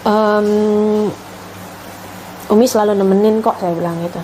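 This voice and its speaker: A woman's voice: medium pitch, fairly even intonation, unhurried, mellow, a little hiss or hum, low-quality recording. A middle-aged woman, earnestly telling her personal story with emotion. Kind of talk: personal testimony.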